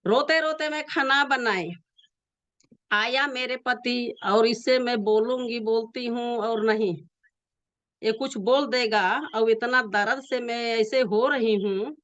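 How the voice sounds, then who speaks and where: Slow, earnest older woman giving testimony. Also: fairly high pitch, fairly bright tone, no echo, lo-fi sound. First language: not Hindi. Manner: halting, repetitive, earnest storytelling. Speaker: church member giving testimony. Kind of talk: personal church testimony.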